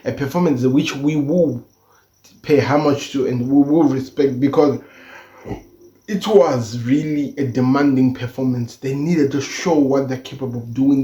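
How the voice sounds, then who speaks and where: A man's voice: medium pitch, warm tone. A man hosting football reaction commentary, emphatic and repeating himself for stress, his speech slightly impeded by a sore tooth. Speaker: football channel host. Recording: dull, echoey room recording.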